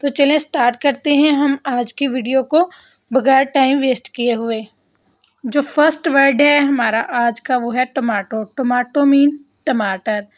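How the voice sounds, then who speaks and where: A woman's voice: high-pitched, fairly even intonation, unhurried. A woman narrating a vocabulary lesson as a voice-over, drilling words one at a time. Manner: repetitive word-by-word drill. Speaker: English vocabulary teacher.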